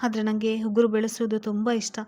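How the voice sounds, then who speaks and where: A young student wife, as a woman reads her aloud, pleading and hurt in a storybook reading. She speaks a touch higher and louder than the narration. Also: monotone, brisk, lightly acted.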